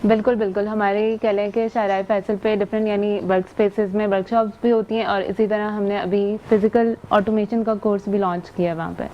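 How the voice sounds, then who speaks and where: A woman's voice: medium pitch, flat delivery, brisk, hardly any pauses, highs cut off. A woman with a Pakistani accent, a guest confidently explaining training courses on a TV show.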